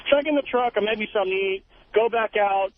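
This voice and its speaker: A man's voice: sits high, fast talker. A man, a truck driver, calls into a radio show and tells an anecdote, acting out the other people in it. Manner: animated storyteller acting out voices. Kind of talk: phone-in anecdote. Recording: muffled phone call with faint hiss.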